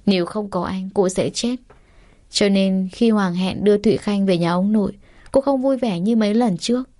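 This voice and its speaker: A woman narrates a romance audiobook in a steady, even manner. Her voice is mellow and warm rather than bright. The recording is dry and close to the mic. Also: medium pitch, moderate pace, no echo. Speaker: story narrator.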